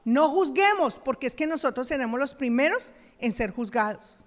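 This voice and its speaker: A middle-aged Colombian woman delivering a sermon from the pulpit, her voice pitched high. She is animated, acting out everyday dialogues and laughing at herself. The recording carries a long reverb from the church hall. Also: moderate pace. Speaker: pastor.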